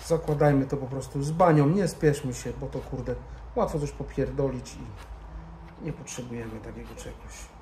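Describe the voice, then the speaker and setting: This motorcycle vlogger has a mid-range voice with fairly even intonation and a moderate pace. He's casual and informal as he works through a hands-on tutorial, frequently muttering under his breath. It's recorded in an indoor garage-bar lounge with a roomy echo and background noise.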